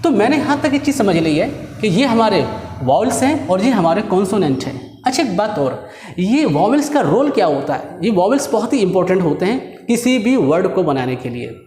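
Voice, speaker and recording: A man teaching a spoken English lesson. He explains step by step, often checks in with "okay", and drills letters slowly for the class to repeat. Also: high voice, sing-song, darkish tone. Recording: echoey room with long reverb.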